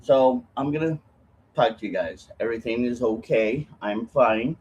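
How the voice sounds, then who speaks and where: Male vlogger, unhurried and halting, average pitch, speaking with a dip of chewing tobacco in his lip, slight noise behind. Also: a little mellow, highs cut off. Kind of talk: casual chat to viewers.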